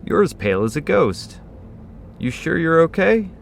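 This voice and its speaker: A man's voice: a little high, sing-song, moderate pace, creaky, a little hiss or hum, voice pushed up. A man voicing a stout, friendly male customer at a convenience store, folksy and concerned, calling people pal.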